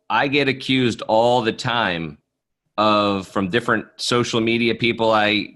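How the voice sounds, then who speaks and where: Bright-voiced American man, casual guest. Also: lowish voice. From New Jersey, US. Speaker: podcast guest, business author. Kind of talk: casual conversational interview. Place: basement, on a video call.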